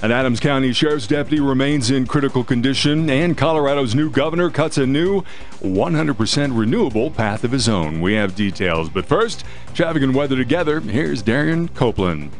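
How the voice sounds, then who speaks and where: A man's voice: medium pitch, a little fast, soft background music. A man reading a scripted radio newscast as the anchor.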